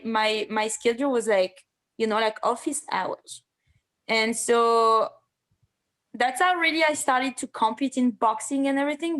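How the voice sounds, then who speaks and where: A woman in her thirties from France, speaking English as a guest in a casual interview, hesitant with many fillers and restarts, and blunt at times. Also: fairly high pitch. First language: French. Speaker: MMA fighter, interview guest.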